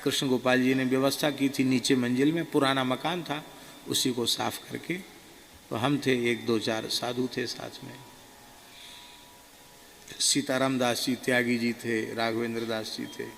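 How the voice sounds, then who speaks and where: A man with a gravelly, mid-range voice recounts a spiritual experience slowly and earnestly. He sounds like he is in a large hall with a long reverb and a faint ambient hum behind him. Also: medium pitch, little pitch movement, a bit bright. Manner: slow, earnest and subdued. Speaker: monk telling a spiritual experience. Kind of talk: devotional storytelling.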